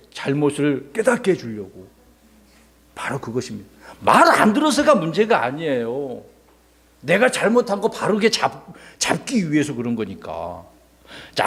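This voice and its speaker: A man gives a Sunday school sermon to children, pitched high for a man. His voice swings widely up and down as he quizzes the kids and acts out small voices. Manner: animated, asks the children questions and acts out voices.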